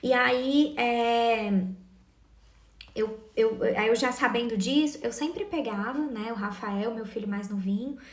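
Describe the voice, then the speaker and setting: A woman's voice: on the high side, moderate pace, few pauses, roomy sound. A woman, giving earnest parenting advice and speaking directly to her listeners. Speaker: parenting educator. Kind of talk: casual advice talk to parents.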